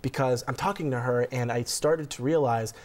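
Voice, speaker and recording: A man's voice: mid-range voice, moderate pace, a little mellow. A man in his thirties, a TV news reporter from California, explaining his story eagerly to the anchors in a studio news segment. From Burbank, California.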